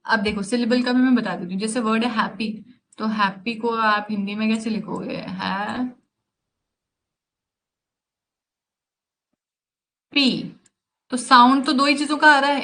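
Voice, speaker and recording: In a live online class, a woman with an Indian accent teaches English grammar, explaining slowly and teasingly in a mix of Hindi and English. Her voice sits on the high side with a fairly bright tone, and the poor audio carries a little hiss or hum.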